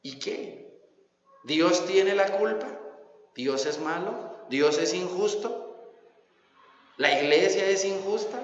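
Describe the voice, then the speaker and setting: A man with a Mexican accent preaching a sermon as pastor, emphatic, repeating key phrases and asking rhetorical questions. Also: a little high. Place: church hall. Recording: echoey church hall, dull lo-fi sound.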